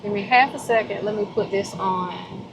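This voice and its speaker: A woman's voice: mid-range voice, normal speed, noisy background. A woman with a Southern American accent talking casually to her viewers in a vlog, effusive and heartfelt. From Southern United States. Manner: effusive, animated, heartfelt, addresses viewers as y'all. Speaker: vlogger.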